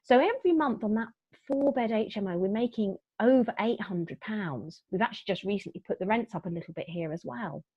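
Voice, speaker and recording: A woman's voice: mid-range voice, lively intonation, fairly quick, hardly any pauses, warm tone, slightly rough, dry recording. A middle-aged woman presenting a property investment webinar in a chatty, upbeat way. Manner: chatty, upbeat, with frequent fillers and restarts. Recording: dull, dry lo-fi webinar audio.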